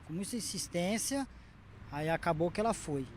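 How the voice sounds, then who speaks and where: A man's voice: high voice, animated, moderate pace, slight background noise. A man being interviewed for a TV news report, telling what happened in an agitated, uneven way. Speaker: interviewee, father.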